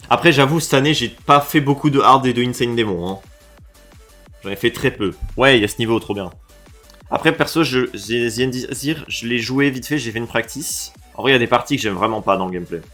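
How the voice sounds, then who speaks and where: A man from France giving casual reaction commentary on video game levels, swinging between low mutters and excited, swearing outbursts. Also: brisk, faint music behind. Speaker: reaction streamer.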